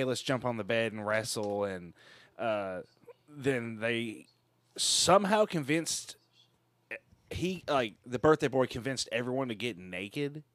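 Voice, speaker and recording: Low-voiced man telling a rambling story. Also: fairly bright tone, dry recording. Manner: rambling storyteller, halting with many fillers, crude. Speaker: podcast co-host, called [name]. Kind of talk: casual movie watch-along chat.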